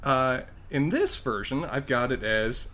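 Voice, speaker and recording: Podcast guy, chatty and opinionated, normal pitch, getting into it. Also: lively intonation, measured pace, pushed and bright. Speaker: podcast co-host. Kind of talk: casual podcast chat.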